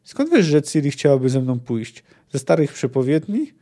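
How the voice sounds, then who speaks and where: A weary, stoic monster hunter in a read-aloud story, as a man reads him, terse and resigned. His voice is low, mellow and dark. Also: big pitch swings, normal speed. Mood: grim resigned.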